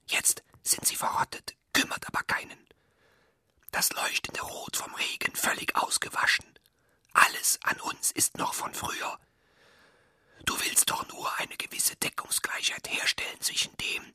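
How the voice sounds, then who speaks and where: A narrator speaking in a slow, hushed, reflective whisper, in whispered narration. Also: no echo, studio quality.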